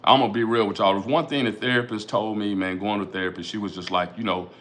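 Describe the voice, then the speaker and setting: Reading his viewers' comments aloud on a casual livestream, a middle-aged man talks quickly in a fairly low voice, with a bit of hiss or hum in the background. His delivery is animated, profane and rhetorical; he addresses chatters by name and returns again and again to "you know what I'm saying."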